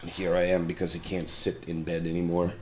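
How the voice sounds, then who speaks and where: Male game streamer, extremely low voice, congested and sore-throated, casual commentary, faint noise behind. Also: completely flat delivery, fairly quick. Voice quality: congested, very deep sick voice. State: sick with a sore throat and stuffed nose. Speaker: game streamer, show host. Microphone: streaming microphone.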